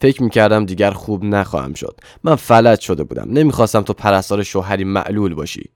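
A man's voice: on the low side, lively intonation, a little mellow, no echo, clean studio sound. A man reading the lines of a heartbroken young man who stammers as he speaks, in an audiobook. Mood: sorrowful. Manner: stammering, halting.

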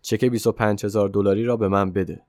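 A man reading the part of a calm, self-assured wealthy male millionaire who mentors a young man in an audiobook story. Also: lowish voice, no echo, clean studio sound, close to an everyday voice. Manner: calm and insistent.

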